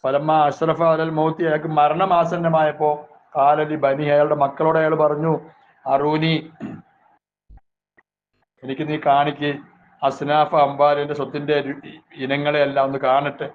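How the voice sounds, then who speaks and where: A religious teacher, going through Arabic phrases and explaining them in a measured voice. His voice sits a touch high for a man. The sound is narrow and phone-like, with a faint hiss underneath. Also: flat delivery.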